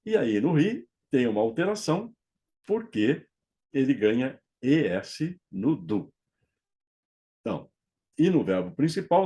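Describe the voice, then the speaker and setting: A man teaching English grammar, modeling English phrases slowly and checking in with frequent "ok?". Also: mid-range voice, a little mellow. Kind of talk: explaining English grammar to Portuguese speakers.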